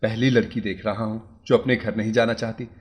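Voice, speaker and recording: A man voicing a young husband who worries aloud and gently coaxes his wife in a storybook tale. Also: on the low side, fairly even intonation, fairly quick, natural voice. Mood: worried. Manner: anxious musing, soft coaxing. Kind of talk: storybook character voice.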